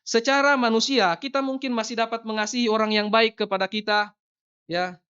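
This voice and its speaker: Preacher, male, young adult; high resonant voice, emphatic storytelling delivery, muffled church livestream sound. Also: fairly quick, bright, forceful tone, clean tone. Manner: addresses the congregation often, anecdotal and emphatic. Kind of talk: sermon. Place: church sanctuary.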